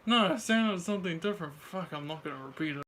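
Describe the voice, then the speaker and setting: A man with a fairly high, slightly bright voice talks fast while chatting casually with a friend about everyday things. His speech is slangy and informal, and there's slight background noise.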